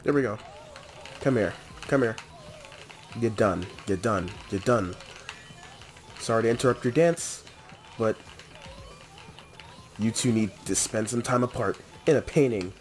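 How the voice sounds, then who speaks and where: A young man giving chatty, excitable gameplay commentary and talking to the characters on screen. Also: fairly low pitch, a little slow, pauses often, soft background music. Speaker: let's play host.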